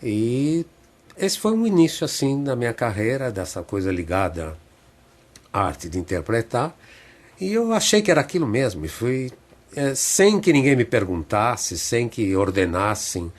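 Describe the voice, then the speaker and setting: An older man tells stories slowly in a radio studio, often checking in with small tag questions. His voice sits low and sounds husky. He talks like a seasoned theatre man looking back. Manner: unhurried reminiscing, frequent tag questions. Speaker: theatre director, interview guest. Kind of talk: reflective storytelling in a radio interview.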